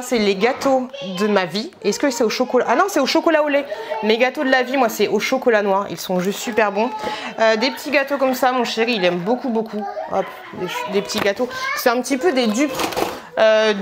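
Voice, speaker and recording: A woman's voice: fairly high pitch, brisk. A woman vlogger chatting at home in a casual, slangy, rambling way as she shows her shopping. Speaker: vlogger showing a grocery haul. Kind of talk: casual chat.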